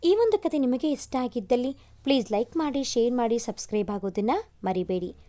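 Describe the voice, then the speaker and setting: Warm-voiced woman storyteller. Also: fairly high pitch, a little fast. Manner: steady first-person storytelling read. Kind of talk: scripted narration of a love story.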